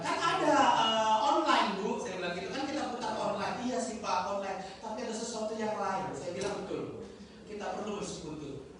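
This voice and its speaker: A male pastor delivering a sermon with stories, moving from quiet confiding to loud exhortation. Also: sits high. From Indonesia. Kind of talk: sermon with storytelling. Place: church hall. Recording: echoey hall, picked up from a distance.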